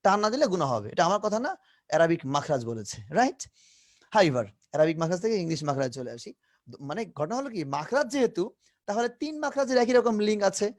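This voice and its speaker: A man's voice: high-pitched, big pitch swings, fairly quick. A man from Bangladesh teaching an English phonetics lesson, drilling each sound over and over and mixing English words into his talk. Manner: drills sounds by repeating them many times.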